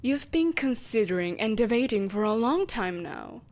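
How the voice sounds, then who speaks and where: In a scripted audio roleplay, a voice actress plays a vengeful, soulless, imperious empress coaxing a captive, possessive and menacing in a haughty, theatrical way. Her fairly high, slightly mellow voice swings widely in pitch with a sing-song lilt. Impatient and threatening, she sighs in exasperation and speaks with deliberate menace.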